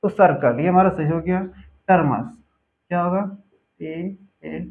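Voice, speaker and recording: High-voiced male teacher, tinny audio. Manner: patient, repeats words slowly for students. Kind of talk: spelling lesson over a board.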